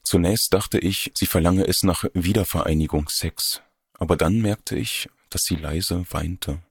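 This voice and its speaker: A young man reading a first-person story aloud, measured and wry, in a steady introspective narration close to the mic. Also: sits low, vocal fry, slightly rough, dry recording. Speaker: audiobook narrator.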